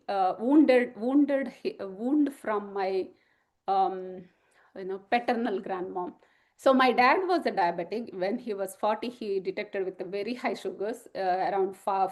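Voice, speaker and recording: A middle-aged woman, sharing an emotional personal testimony in a halting way, full of fillers and restarts. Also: medium pitch, a little mellow. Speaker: spiritual group member sharing testimony.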